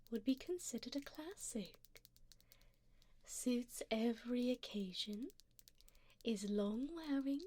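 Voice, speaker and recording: Attentive and elegant, a woman voices a wealthy vampire sugar mommy who dotes on the listener in an ASMR roleplay. Her a-little-high, exaggerated voice stays soft and breathy, slow, formal and seductive, frequently whispering right against a close binaural microphone.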